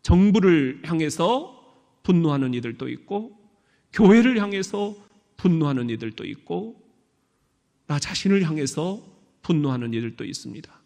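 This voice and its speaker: A man preaching a sermon as pastor, emphatic, with sudden high bursts on key words. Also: expressive, normal speed, vocal fry, mellow. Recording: long hall reverb.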